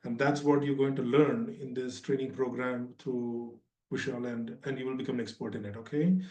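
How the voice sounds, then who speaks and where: A man's voice: medium pitch, fairly even intonation, normal speed, warm tone. A man hosting an online training webinar, greeting each attendee by name in a friendly, upbeat way. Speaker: webinar host. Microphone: video call. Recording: roomy, distant, dull video-call audio.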